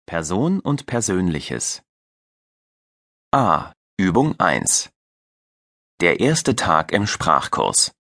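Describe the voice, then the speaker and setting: A man narrating a scripted audio language lesson in a slow, clear, didactic way. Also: deep voice, fairly bright tone, no echo, studio quality. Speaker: language-course narrator and teacher.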